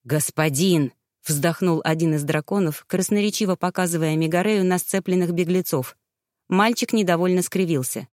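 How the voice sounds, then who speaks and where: A woman narrating a fantasy novel in an even storytelling manner. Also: lowish voice, moderate pace, no echo, studio quality. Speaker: audiobook narrator. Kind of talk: scripted narration.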